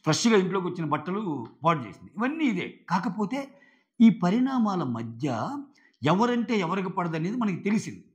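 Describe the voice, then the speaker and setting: A man's voice: high-pitched, big pitch swings, normal speed, muffled recording. A man giving casual, chatty commentary on a reality show, often acting out the lines he quotes. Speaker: show reviewer.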